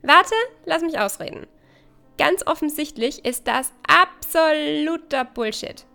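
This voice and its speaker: A woman's voice: high-pitched, expressive, takes it slowly, vocal fry, pushed and bright, faint music behind, voice pushed up, exaggerated voice. A woman voicing a playful, frank young stranger in a read-aloud story. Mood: teasing. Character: teasing, easygoing young stranger by a lake.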